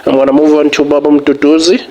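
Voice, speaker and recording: A man's voice: a little high, little pitch movement, very fast, dark tone, a little hiss or hum. A man moderating a live discussion, reassuring the speakers and chiming in.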